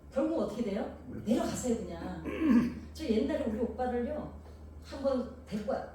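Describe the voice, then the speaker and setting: A middle-aged Korean woman from Gangwon Province, with a Jeolla-tinged accent, preaches a sermon in a slightly high, warm voice. She poses rhetorical questions to the congregation and tells homely anecdotes, recorded from far off in an echoey hall with a little hiss or hum.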